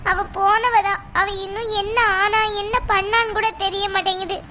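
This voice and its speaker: A woman's voice: very high-pitched, level tone, moderate pace, pushed and bright, a little hiss or hum. A woman voicing a grieving middle-aged village mother who laments and blames herself, in a cartoon. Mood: lamenting. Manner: lamenting, plaintive. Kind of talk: cartoon voice acting.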